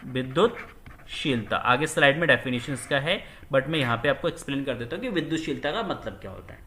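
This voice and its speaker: A man's voice: mid-range voice, lively intonation, brisk, bright, forceful tone, reverberant, a little hiss or hum. A man teaching a physics lesson, who repeats key words and asks questions that he answers himself. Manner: acts out little scenes with quoted dialogue. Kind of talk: classroom lecture.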